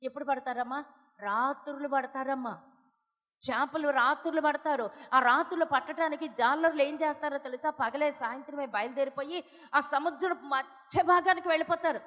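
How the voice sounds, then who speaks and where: An Indian woman pastor with a Telugu accent, preaching an impassioned sermon that swings from loud pleas to hushed asides. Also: sits high, normal speed. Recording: dull audio with long hall reverb.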